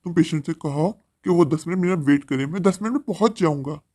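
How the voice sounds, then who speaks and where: A man voicing an older male professor who gives calm advice. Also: fairly high pitch, fast, lightly acted. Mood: hurried. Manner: calm, advising.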